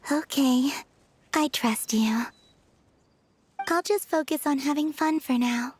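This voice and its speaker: A woman voicing a gentle, wistful young maiden in a video game, speaking softly and earnestly with some breathiness. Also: high voice, takes it slowly, slight background noise. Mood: trusting.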